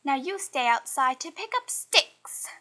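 A woman's voice: high-pitched, animated, measured pace, pushed and bright, exaggerated voice. A woman voicing a stern little old lady in a storybook, scolding and matter-of-fact.

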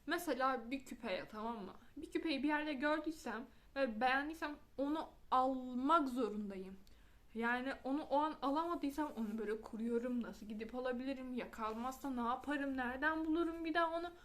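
A young woman chatting casually to her camera, laughing at herself as she goes. Her voice sits a little high, and her talk is loose and confessional, with frequent false starts. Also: brisk, fairly bright tone. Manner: chatty, self-mocking, with frequent restarts and trailing fillers. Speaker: vlogger.

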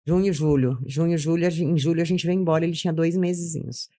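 A woman's voice: low-pitched, steady tone, fast talker, warm tone. A woman giving an intense personal testimony as an interview guest, repeating phrases and acting out what she once said. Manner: intense, repeats phrases, acts out her own past words.

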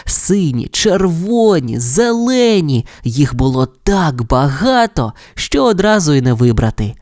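A narrator of children's audio tales tells the story expressively and with a lilt, from a middle pitch that swings widely up and down. The pace is a little slow, and the sound is dry and close, with no room sound.

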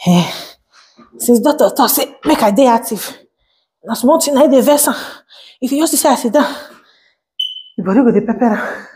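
A woman's voice: on the high side, lively intonation, normal speed, long pauses, mellow, a little hiss or hum, close to an everyday voice. A young woman with a Nigerian Pidgin accent plays a dramatic, stubborn pregnant wife in a comedy skit, pleading and whining theatrically. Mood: scheming. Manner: pleading, whiny, theatrical fake crying.

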